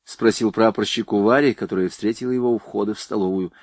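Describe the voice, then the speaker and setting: A man narrating a novel in an expressive audiobook reading. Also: fairly low pitch, quick pace, no room sound. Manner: expressive storytelling. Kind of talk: scripted narration.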